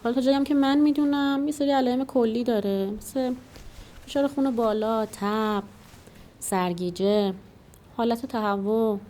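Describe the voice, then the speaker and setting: An actress playing a woman who calmly explains warning signs to a worried mother. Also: on the high side, slight background noise, lightly acted. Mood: reassuring. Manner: reassuring, explanatory.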